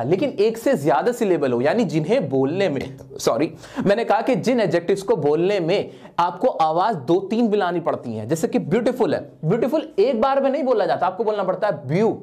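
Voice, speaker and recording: A man's voice: high voice, a little mellow. A male grammar teacher who writes on a board as he explains. He keeps asking questions and answering them himself, and he sometimes speaks the part of an imagined student asking him something. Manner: asks his own questions and answers them. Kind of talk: classroom grammar lesson. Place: at a whiteboard, writing while teaching.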